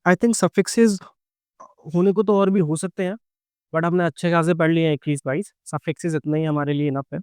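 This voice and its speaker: A man's voice: on the high side, fairly even intonation, normal speed, darkish tone, smooth, no room sound, studio quality. A middle-aged man with an Indian English accent gives an exam-prep grammar lecture. He explains patiently, keeps checking in with his students, and asks them questions that he then answers himself.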